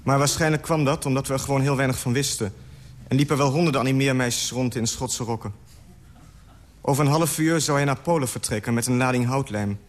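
A man from the Netherlands reads a literary story aloud for radio. He keeps it calm and understated, with a voice of ordinary middle pitch. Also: a little fast. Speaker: narrator reading a story.

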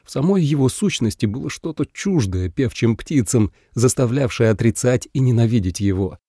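A man reading an audiobook in measured, even scripted narration. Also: medium pitch, breathy edge, dry recording, clean studio sound.

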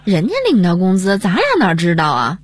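Female co-host, husky, animated, playful comic banter. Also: lowish voice, fairly quick.

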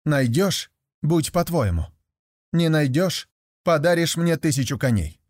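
A man voicing a bold, crafty young herdsman who boasts loudly. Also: fairly high pitch, lively intonation, a little slow, no room sound, studio quality, voice pushed up. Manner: loud, boastful exclamations.

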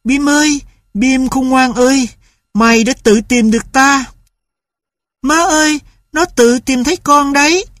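A man doing a high pleading young boy. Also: slow pace, bright, forceful tone, no echo, studio quality, exaggerated voice. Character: young boy, pleading and adoring his dog.

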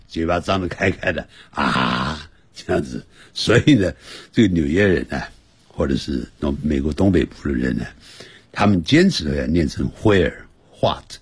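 On the radio, a man with a rumbling low, slightly rough voice teaches an English lesson from a studio with no echo. He explains grammar patiently, sounding out words slowly and repeatedly to show how they should be pronounced.

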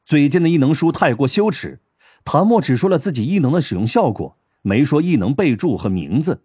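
A man narrating an audiobook in an expressive storytelling manner. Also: a little high, brisk, slightly rough, no room sound, clean studio sound. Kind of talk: scripted narration.

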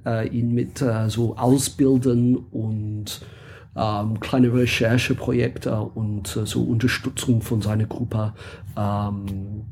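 Englischer typ, stockt viel, sucht wörter, dunkler warmer klang. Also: male voice, medium pitch, vocal fry, slightly rough. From England. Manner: hesitant, many fillers, searching for German words. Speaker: guest. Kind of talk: casual interview.

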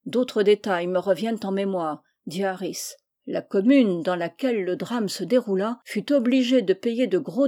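A woman reads a humorous novel aloud at an unhurried, even pace. Her voice has a mellow, dark warmth and sits at an ordinary pitch. She shades the characters only lightly. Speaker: audiobook reader.

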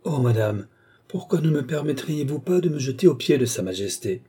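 A man's voice: mid-range voice, animated, normal speed, mellow, breathy edge, voice pushed up. A man voicing an anxious elderly noble widow who pleads her lawsuit, in an audiobook reading. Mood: pleading. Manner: pleading, insistent.

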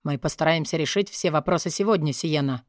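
A woman voicing a weary, stern young male king in a fantasy audiobook, with a low, clipped, tired delivery. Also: brisk, no echo, studio quality, natural voice.

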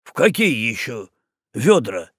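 A man voicing a gruff, hot-tempered old male sailor who shouts and curses. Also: mid-range voice, sing-song, slow pace, no room sound, studio quality, exaggerated voice. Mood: shouting. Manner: shouting, cursing.

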